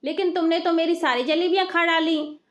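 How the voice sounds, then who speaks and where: A woman's voice: very high voice, a little fast, pitched above the performer's own voice. A woman voicing a blunt, money-minded village sweet seller in a storybook tale, speaking insistently.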